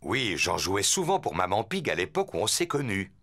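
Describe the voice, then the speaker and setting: Jolly, wildly animated cartoon Papa Pig. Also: male voice, fairly low pitch, over loud music. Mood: relaxed, boastful. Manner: exuberant, chuckling, drawn-out exclamations. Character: jolly, boastful cartoon father pig, playful and excitable.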